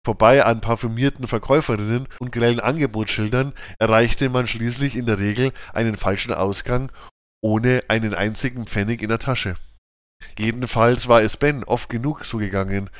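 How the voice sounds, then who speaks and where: A man reading a children's audiobook with even, clear storytelling. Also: medium pitch, no room sound, studio quality. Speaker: audiobook narrator.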